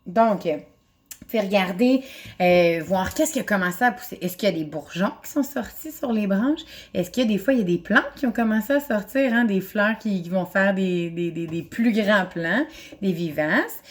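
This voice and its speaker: A Québécois woman teacher talks to young children in a chatty, encouraging way, her pitch sitting in the middle of the usual range for a woman. She records the video lesson from home. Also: animated, moderate pace. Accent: Québécois French. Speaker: elementary school teacher.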